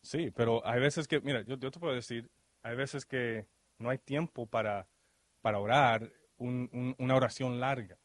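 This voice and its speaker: Medium-pitched and steady, this man's voice comes through dry and studio-clean. He preaches to a church congregation, checking in often with rapid "ok?" prompts and questions while blending English fillers into his Spanish.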